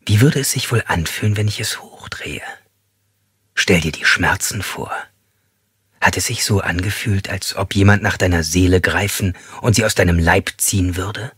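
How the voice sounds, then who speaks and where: A man voicing a calm, controlling male serial killer, speaking slowly and with menace. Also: sits low, slightly rough, no room sound, studio quality, exaggerated voice. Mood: coldly calm. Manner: slow, measured and menacing, at times hissed.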